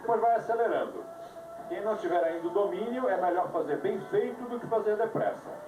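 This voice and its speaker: A man's voice: sits high, animated, fairly quick. Man teaching yoga on an old VHS tape. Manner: didactic, giving commands with dry jokes. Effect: old VHS tape recording. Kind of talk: live class instruction. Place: yoga class room. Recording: echoey room, voice from far off, music behind, old VHS tape.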